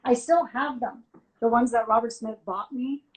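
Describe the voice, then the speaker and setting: A woman, a music journalist, telling a lively anecdote as an interview guest on a video call and acting out both sides of the dialogue. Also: fairly high pitch, normal speed, poor audio. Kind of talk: casual storytelling on a live video chat. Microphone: phone or laptop on a video call.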